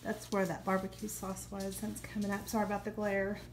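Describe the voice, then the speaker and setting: This young woman, a home cleaning vlogger, chats casually with many ums as she shows how she cleans her kitchen indoors. Her medium-pitched voice is completely flat and a little fast, with music under it and a little hiss or hum.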